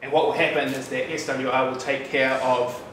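This is a New Zealand developer in his thirties presenting a casual tech talk at a meetup, speaking at a normal pace in a mid-pitched voice. He's relaxed and talkative, with frequent fillers and asides, addressing an audience in a bright loft-style office. He stands away from the room mic, so the recording is distant and echoey with background noise.

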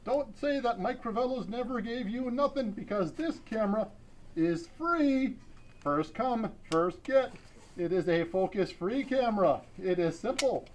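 Photo-robot guy hyping used lenses, a man doing it, high voice, stiff salesy patter. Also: lively intonation, unhurried, slight background noise, full character voice, low-quality recording. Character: male photo-robot announcer, upbeat salesman. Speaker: store used-gear presenter. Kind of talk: comic store announcement.

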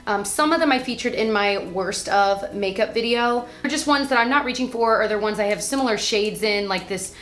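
A woman's voice: medium pitch, a little fast, hardly any pauses, fairly bright tone. A young adult woman making a casual beauty vlog, chatty and self-teasing, laughing often as she talks. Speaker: beauty vlogger. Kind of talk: casual chat to camera.

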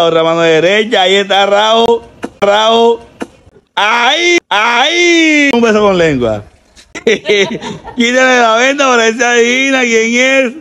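A man with a Colombian Caribbean accent hosting a comedy prank game, teasing and laughing with shrill exclamations. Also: fairly bright tone.

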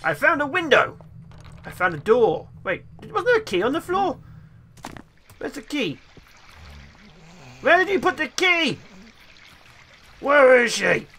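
A man's voice: very high-pitched, slight background noise. A man giving playful, theatrical gameplay commentary as a gaming video host. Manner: excitable, theatrical.

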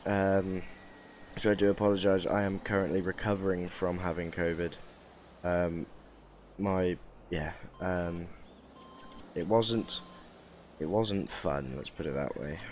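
Tired low-voiced gamer. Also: male voice, fairly even intonation, measured pace, long pauses, a little mellow, slight background noise. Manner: rambling, self-mocking, chatty. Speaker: gaming YouTuber. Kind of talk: casual gameplay commentary.

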